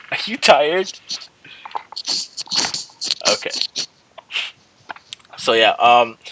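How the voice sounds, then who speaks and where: Closing out a video, a young gaming channel host chats loosely and hesitantly, repeating things and letting sentences fade. His voice is medium-pitched, and the background is noisy.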